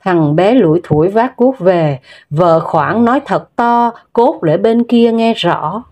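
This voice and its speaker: A woman narrating a story in a steady, measured way, with scripted storytelling delivery. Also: mid-range voice.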